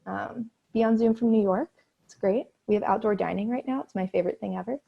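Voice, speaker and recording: A woman's voice: mid-range voice, fairly even intonation, fairly quick, creaky, dull audio. Upbeat woman presenting over a video call. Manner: upbeat, chatty. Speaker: university representative. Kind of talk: webinar presentation. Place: at home.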